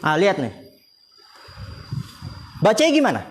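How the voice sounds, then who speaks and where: Give me a high-pitched Indonesian man teaching a lively grammar lesson and calling on students. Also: a little slow. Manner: lively, quizzes students and laughs often. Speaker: Islamic boarding school teacher. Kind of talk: classroom Arabic grammar lesson.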